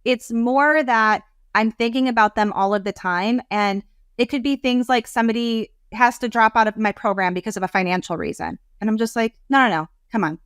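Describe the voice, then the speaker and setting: A woman business coach talking as a podcast guest, animated, rambling and heartfelt. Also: on the high side, moderate pace, clean tone, dry recording, clean studio sound. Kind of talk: casual interview talk.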